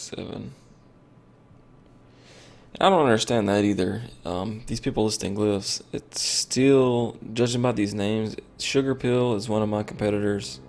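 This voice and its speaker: A man's voice: fairly low pitch, darkish tone, a little hiss or hum. A tired man streaming a game, rambling and thinking aloud with lots of fillers as he comments casually.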